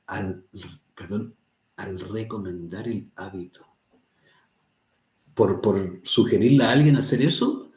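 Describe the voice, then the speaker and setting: A man's voice: fairly low pitch, takes it slowly, pauses often, darkish tone. Man teaching in an echoey room. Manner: conversational, tags "¿cierto?" often, quotes people in little voices. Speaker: course teacher. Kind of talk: spiritual lesson answering a student.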